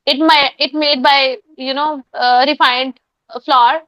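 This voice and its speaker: A high-pitched woman, talking freely and correcting herself often in a casual practice chat. The sound is dry and dull, like a lo-fi online call. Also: fairly even intonation, slow, bright, forceful tone, no room sound. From Punjab, India. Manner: talkative, frequent fillers and self-corrections. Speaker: English practice partner.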